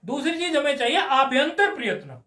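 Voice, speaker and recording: A man's voice: extremely high pitch, huge pitch swings, a little fast, sharp tone. A man teaching Sanskrit grammar in a live class, explaining patiently step by step and asking his students questions. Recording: roomy echoey room.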